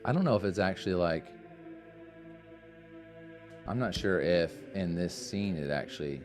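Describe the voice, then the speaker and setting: A man with a very deep, low voice chats loosely on a live podcast. He reads ornate text in a mock-solemn tone, laughing and stumbling over the big words. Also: lively intonation, moderate pace, music in the background. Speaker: podcast co-host. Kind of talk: casual live podcast chat, mock-solemn reading aloud.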